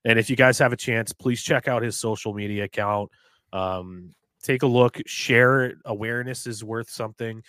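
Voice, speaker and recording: A man from New Hampshire co-hosting a casual sports podcast, animated and quick to get heated, swearing freely. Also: medium pitch, clear, resonant tone, no echo. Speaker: podcast co-host.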